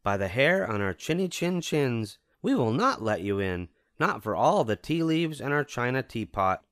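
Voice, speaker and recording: A man voicing three timid little wolves in a storybook reading, in a higher pleading voice. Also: very animated, normal speed, a bit bright, dry recording, clean studio sound. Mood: defiant. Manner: pleading, higher sing-song voice.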